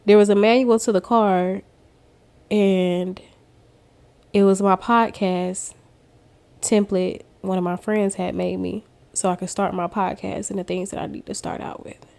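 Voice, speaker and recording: A woman's voice: mid-range voice, little pitch movement, a little slow, gravelly, darkish tone. A woman vlogger giving a casual personal testimony, talking straight to her viewers as she tells her story. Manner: chatty storyteller who addresses viewers directly. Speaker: faith vlogger.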